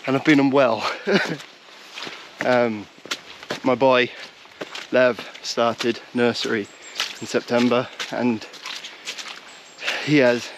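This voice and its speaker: This walking vlogger, a man in his thirties, sounds congested as he chats to his action camera out in the countryside. He runs himself down and rambles with frequent restarts. He speaks slowly at a medium pitch with fairly even intonation and long pauses, against a noisy background.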